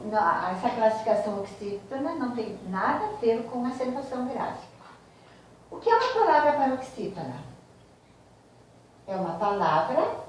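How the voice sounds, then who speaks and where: A woman teacher, giving a slow, explanatory grammar lesson and speaking directly to her students. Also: mid-range voice, darkish tone, recorded from a distance, a little hiss or hum. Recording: very echoey room, voice from off mic.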